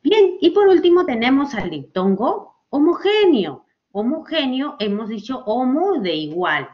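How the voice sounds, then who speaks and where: A woman's voice: high voice, sing-song, measured pace. A woman teacher gives a children's language lesson, stretching out example words and often checking with "ok?". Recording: dull lo-fi recording.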